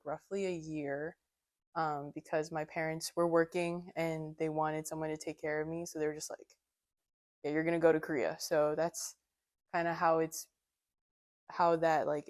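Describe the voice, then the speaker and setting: Soft-spoken young woman, hesitant. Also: deep voice, no room sound, studio quality. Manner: hesitant, many fillers. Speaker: student interviewee. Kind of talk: documentary interview.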